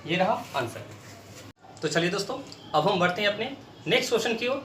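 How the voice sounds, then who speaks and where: A man's voice: high-pitched, expressive, a little fast, a bit bright. A man teaching a maths lesson, asking questions and answering them himself as he works problems on a board. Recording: echoey room, mic far off, faint noise.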